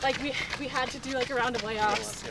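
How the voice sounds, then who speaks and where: A woman's voice: on the high side, steady tone, brisk. A woman chatting casually in an interview while running outdoors, with lots of filler words. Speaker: interview guest, marketing professional. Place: outdoors, on the move. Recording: noisy outdoor recording, ambient vehicle sounds.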